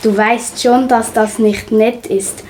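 A woman's voice: fairly high pitch, steady tone, slow pace, a little mellow, slight background noise. A woman voicing a sleepy, mildly reproachful orphan boy in a children's story. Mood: calm.

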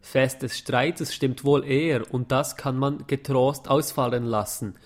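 A man's voice: mid-range voice, fairly even intonation, unhurried, lightly acted. A man reading a story, voicing a sulky, defiant teenage girl who grumbles and snaps back. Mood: grumbling. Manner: muttering, snapping back.

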